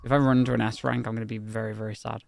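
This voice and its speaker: A man's voice: lowish voice, very fast, creaky, a little hiss or hum. A man streaming a video game, chattering casually to himself, grumbling and swearing as he plays. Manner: animated, grumbling, swears often, talks to himself. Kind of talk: casual live-stream commentary.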